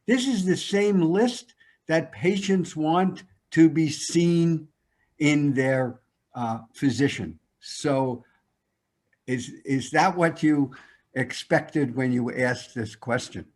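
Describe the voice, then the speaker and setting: A man, a surgeon, speaking haltingly with many pauses and fillers over a video call. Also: a little high, darkish tone. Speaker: pediatric orthopedic surgeon. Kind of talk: online discussion.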